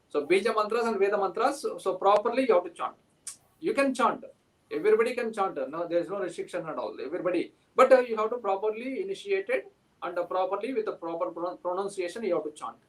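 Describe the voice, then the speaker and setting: A man from South India with an Indian English accent, a teacher explaining haltingly in an interview and repeating his phrases. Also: high voice, far from the mic, rough recording. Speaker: yoga-vedanta teacher.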